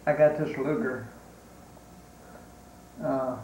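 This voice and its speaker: An elderly man with a Southern US accent remembers his time as a soldier in a halting, unscripted way. He speaks slowly and evenly, with long pauses. The recording is roomy and distant from the mic. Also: medium pitch, steady tone, darkish tone, muffled recording, slight background noise. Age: 80s or older. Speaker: war veteran being interviewed. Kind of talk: unscripted reminiscence in an interview.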